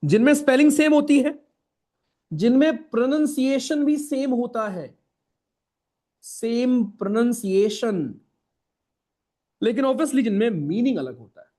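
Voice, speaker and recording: A man's voice: extremely high pitch, animated, a little slow, long pauses, dark tone. A young man with a Hindi accent teaching an online class, chatty and informal, repeating key points and checking in with students. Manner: chatty, addresses students as brothers and friends; repeats key points, asks "right?" often.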